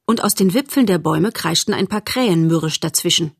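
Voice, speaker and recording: A woman narrating a storybook in a calm, measured way, as an audiobook reader. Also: on the low side, vocal fry, slightly rough, no room sound, clean studio sound.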